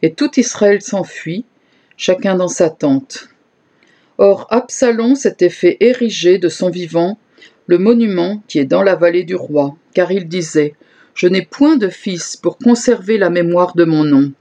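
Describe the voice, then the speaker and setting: A reader delivers scripture slowly and in a measured way, raising the voice slightly for quoted speech. The voice is mid-range and mellow.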